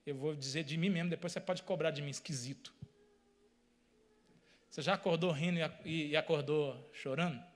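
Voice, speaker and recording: Male preacher, high pitch, emphatic sermon delivery. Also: fairly even intonation, brisk, long pauses. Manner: emphatic, repetitive, addresses the congregation directly.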